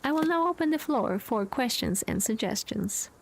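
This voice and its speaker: A woman's voice: on the high side, normal speed, gravelly. A woman doing a stiff robotic customer. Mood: stiff formal. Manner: flat robotic formal delivery. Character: stiff formal café customer giving a presentation. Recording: music playing behind.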